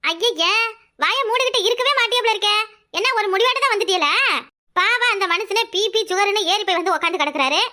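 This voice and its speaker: A woman with a Tirunelveli Tamil accent voicing scolding village women in a cartoon, shrill and nagging. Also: fast, sharp tone. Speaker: voice artist playing several village women.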